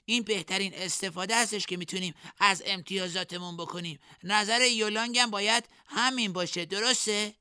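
A hot-headed young student, put on by a man reading an audiobook, pitched way up above a normal speaking voice with a sharp, piercing edge. The voice is pushy and agitated, crisp and smooth, set in a dry, close recording. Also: fairly even intonation, few pauses, no room sound. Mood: persuasive.

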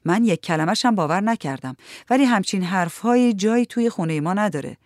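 A woman's voice: medium pitch, lively intonation, a little mellow, dry recording, studio quality, close to an everyday voice. A woman reading an audiobook voices a worried, stern working mother who speaks urgently and in confidence. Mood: urgent, confiding.

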